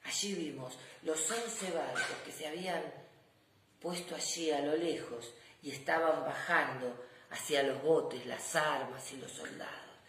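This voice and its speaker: A woman voicing a proud, affectionate old grandfather general who tells war memories in a deliberate, dramatic storybook manner. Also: sits low, a bit bright, a little hiss or hum, voice pushed down. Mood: suspenseful, proud. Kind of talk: children's storybook narration. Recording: echoey room.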